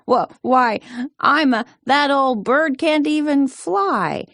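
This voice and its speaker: A woman's voice: high voice, slow, a bit bright, dry recording, clean studio sound, pitched above the performer's own voice, heavily acted. A woman voicing a rowdy young cowboy brother who bellows and cackles with a drawl, in a storybook reading. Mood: cackling.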